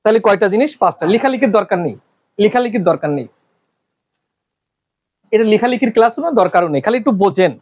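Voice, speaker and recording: Male teacher, high-pitched, quizzing a classroom, muffled lo-fi recording. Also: animated. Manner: quizzing the class with rapid questions. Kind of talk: classroom lecture.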